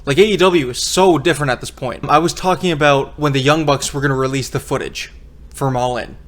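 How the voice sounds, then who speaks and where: A man's voice: mid-range voice, fairly quick. A man delivering an opinionated, casual wrestling monologue, emphatic and repeating phrases for effect. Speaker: wrestling video creator.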